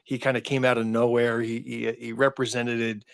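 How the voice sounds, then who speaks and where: A man in his fifties co-hosts a podcast, talking in a mid-pitched voice and drifting into long, rambling stories. The sound is dry and close, with no room around it. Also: level tone, normal speed, creaky, dry recording. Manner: rambling anecdotal storyteller. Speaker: podcast co-host. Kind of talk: casual chat.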